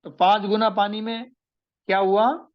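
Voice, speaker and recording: A male teacher with a high voice lectures slowly and deliberately. He repeats and recaps each point so his listeners can write it down. The recording sounds dull and lo-fi. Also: little pitch movement. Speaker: Ayurveda teacher. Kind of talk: slow classroom lecture.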